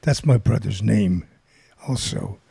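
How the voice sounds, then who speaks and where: An older man spins a loose, rambling story in a gravelly, husky voice. His tone is dark and mellow, and the recording is dry and close, with no room sound. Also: on the low side, slow pace, no echo. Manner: rambling, filler-heavy storytelling. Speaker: guest storyteller. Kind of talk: casual anecdote.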